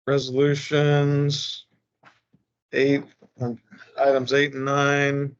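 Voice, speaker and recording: A man chairing a public board meeting, speaking procedurally and haltingly as he works through formal business. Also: mid-range voice, monotone. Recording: muffled, band-limited meeting recording.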